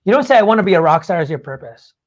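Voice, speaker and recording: A man with a high-pitched, very animated voice talks rapid-fire in a loose, conversational style, like a podcast host giving motivational advice. His informal explanations ramble toward each point, peppered with fillers like "like" and "you know."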